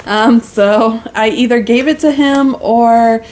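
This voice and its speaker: A woman's voice: fairly high pitch, slow pace, a little mellow. Chatty giggly woman hosting a craft chat, lots of ums, phone mic, bit of hiss. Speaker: co-host of a cross-stitch channel. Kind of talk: casual chat. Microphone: mic plugged into a phone. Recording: faint background noise, phone mic.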